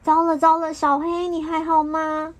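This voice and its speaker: A woman voicing a crowd of excitable little crayons in a storybook, clamoring and pleading together. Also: very high voice, moderate pace, muffled recording, pitched above the performer's own voice.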